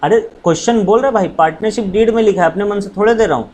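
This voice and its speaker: A man's voice: high-pitched, very fast, a little mellow. A male commerce teacher giving a casual, playful lesson, teasing his students and calling them "babu".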